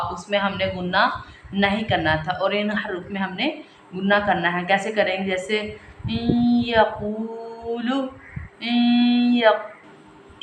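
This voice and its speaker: Woman teacher slowly drilling recitation examples. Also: medium pitch, fairly bright tone, roomy sound, slight background noise, rough recording. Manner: repeats examples slowly and drawn out; asks and answers own questions. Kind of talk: step-by-step tajweed lesson.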